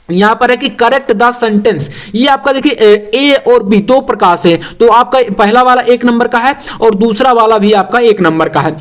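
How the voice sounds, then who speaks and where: A young man teaching English grammar to exam students, explaining slowly and spelling words out letter by letter. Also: very high voice.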